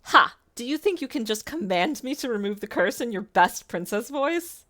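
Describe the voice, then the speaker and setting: A woman performs a smug game witch who loves to needle people. Her delivery is mocking and snide, with pitch that swings widely as she taunts. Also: big pitch swings, brisk. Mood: mocking glee.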